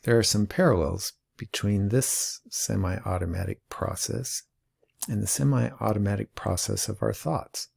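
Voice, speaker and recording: A man with a low, gravelly voice talks very slowly and calmly, with long pauses. His tone is mellow and dark as he guides listeners through an awareness lesson. He sounds patient and unhurried. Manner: slow and calm, with long pauses. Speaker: mindfulness teacher.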